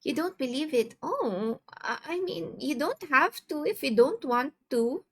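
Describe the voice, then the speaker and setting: A Filipino woman in her forties with a Filipino accent, chatting casually on a livestream and greeting viewers; her voice is soft and quiet, her throat a bit sore. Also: high voice, lively intonation, measured pace, background noise. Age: 40s. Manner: chatty, mixes Tagalog and English, greets viewers by name. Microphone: earphones with mic.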